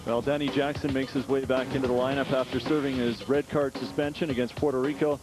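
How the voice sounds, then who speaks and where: A man with a medium-pitched voice gives live soccer analysis as a co-commentator. Music is clearly audible behind him. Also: level tone, quick pace, poor audio.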